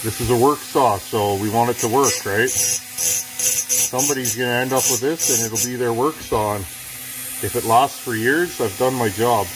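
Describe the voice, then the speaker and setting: In a noisy workshop, a chatty man with a medium-pitched voice takes his time walking through a casual, hands-on chainsaw porting demonstration. He's off camera, the camera is set close to the bench, and a whirring rotary grinding tool fills the background as he works and tosses in self-deprecating remarks.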